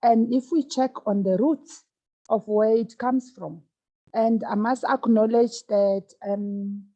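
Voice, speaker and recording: A woman giving a formal presentation over a video call, her voice slightly hoarse, polite and measured. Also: a little high, steady tone, dark tone. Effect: speaking over a video call. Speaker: guest speaker.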